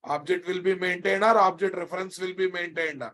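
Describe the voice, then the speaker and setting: A man with a Telugu Indian accent teaches a live technical class in a somewhat high-pitched voice. He is emphatic and repeats himself often. He prods and chides his students with insistent questions. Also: steady tone, fairly quick, fairly bright tone. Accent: Telugu Indian English. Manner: emphatic, repetitive, chiding, prodding students with questions. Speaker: programming instructor.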